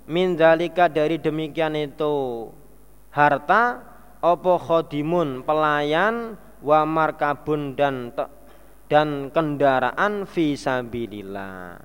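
A man's voice: on the high side, smooth. A man with a Javanese accent teaching as a religious teacher, reading a classical text and translating it word by word, with playful asides. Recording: long hall reverb.

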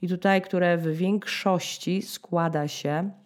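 A woman in her thirties from Poland hosting a podcast, telling a story in a dramatic, ironic way, with sudden high-pitched bursts as she acts out scenes. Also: steady tone, slow. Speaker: podcast host. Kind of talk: storytelling monologue.

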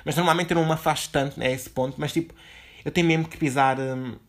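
A young man with a European Portuguese accent, hosting a casual solo podcast in a rambling, chatty, slangy way, dizzy and low on energy after just waking up. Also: fairly even intonation, fast talker. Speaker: podcast host.

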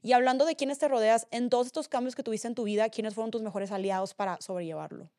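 Quick-talking podcast host. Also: female voice, a little high, a little mellow, dry recording, clean studio sound. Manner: attentive, asks questions, chimes in with agreement. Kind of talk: casual interview.

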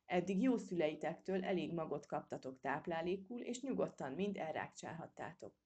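A woman's voice: sits low, expressive, dark tone, slightly rough. A woman voicing a male squirrel schoolteacher who lectures his young pupils in an instructive tone. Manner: instructive, addressing children. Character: strict but kind male squirrel schoolteacher.

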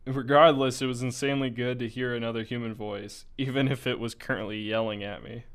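A man's voice: mid-range voice, fairly even intonation, a little fast, fairly bright tone, smooth. A young man reading a story aloud in a casual way, stumbling over words now and then and breaking off for asides. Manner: casual, with slips, laughs and asides.

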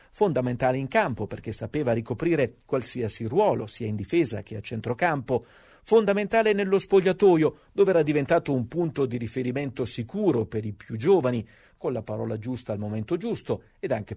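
A man narrates football history from a script. His voice is mid-range and rough-edged. He tells it like a story, slipping in conversational asides and rhetorical questions. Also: medium pitch, a little mellow.

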